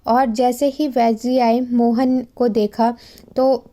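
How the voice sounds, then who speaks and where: A woman's voice: a little high, fairly even intonation, slow pace, dark tone. A woman teacher patiently explaining a textbook story, asking questions and answering them herself.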